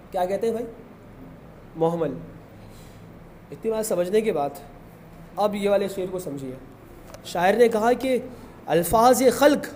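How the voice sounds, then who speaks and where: A male Urdu lecturer with a Pakistani accent explaining a poem to a class, reciting verses slowly and quizzing students with questions. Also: sits high, a little mellow, a little hiss or hum.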